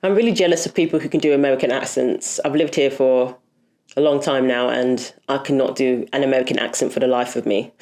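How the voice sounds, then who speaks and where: A woman's voice: rumbling low, fairly even intonation, brisk, a little mellow. A woman hosting a commentary video, talking in an indignant, emphatic way. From Britain. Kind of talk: opinionated commentary.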